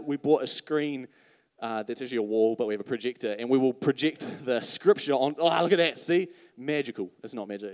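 In a reverberant church hall, a man delivers a live sermon to his congregation, chatting and tossing out self-mocking jokes and asides to the crowd. His voice is medium in pitch and a little mellow.

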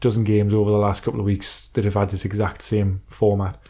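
A man co-hosting a podcast chats informally about retro racing games and reads out listener emails. His voice is lowish and dark-toned, with a level, brisk delivery.

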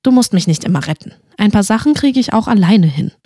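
A woman's voice: mid-range voice, fairly quick, mellow, no echo, clean studio sound, lightly acted. A woman voicing a studious, earnest young witch who lectures her companion in a fantasy audiobook. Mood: annoyed. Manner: instructive, lecturing.

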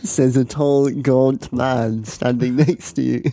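Slow, giggly man reading aloud. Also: mid-range voice, fairly even intonation, warm tone, no echo. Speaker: podcast co-host reading a gamebook. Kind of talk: comedic read-aloud narration.

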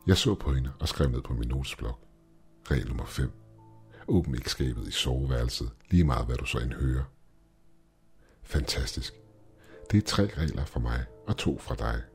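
Very deep-voiced male storyteller. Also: expressive, creaky, long pauses, a little mellow, faint music behind. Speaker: narrator. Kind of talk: first-person horror story narration.

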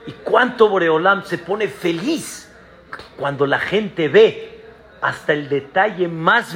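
A rabbi giving a sermon, pressing the congregation with emphatic rhetorical questions. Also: male voice, high voice, fairly bright tone.

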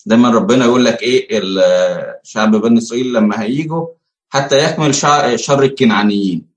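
A man with an Egyptian Arabic accent preaching a conversational sermon, asking rhetorical questions and pausing on fillers. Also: medium pitch. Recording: echoey room.

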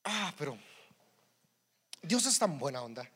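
A man's voice: on the high side, very animated, measured pace, fairly bright tone, husky. A man with a Mexican accent preaching a sermon in a conversational, humorous way, often repeating words as he goes.

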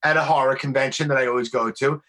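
A podcast host with a Brooklyn accent chats casually and bluntly, telling stories in an animated way loaded with slang and swearing. His voice is mid-range, and he talks fast.

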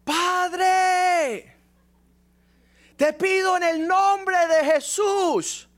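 A man voicing an elderly Pentecostal woman who prays aloud fervently, in a high, loud, drawn-out way. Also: steady tone, heavily acted.

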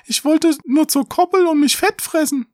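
Squeaky tiny billy goat. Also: male voice, moderate pace, a little mellow, no echo, clean studio sound. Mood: pleading. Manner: squeaky, pleading.

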